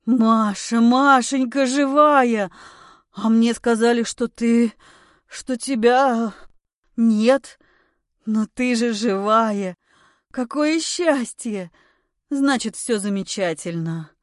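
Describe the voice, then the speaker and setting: A woman voicing a frantic, pushy middle-aged husband who talks loudly and pleads and orders in turn. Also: fairly high pitch, expressive, slow, no room sound, clean studio sound. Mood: agitated. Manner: loud, agitated, pleading and bossy.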